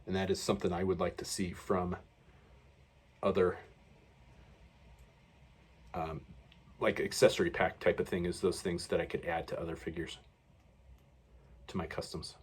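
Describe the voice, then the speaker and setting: A man's voice: deep voice, little pitch movement, moderate pace, long pauses, husky. A man casually reviewing action figures while he unboxes them, rambling along with many fillers and self-corrections. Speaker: toy reviewer.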